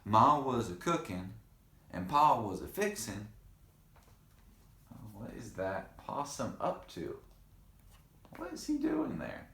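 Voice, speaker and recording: Reading a picture book to children in a roomy, echoing space, a male storyteller is playful and dramatic, with chatty asides to his young listeners. His mid-range, fairly bright voice swoops wildly in pitch, moving slowly with vocal fry and long pauses.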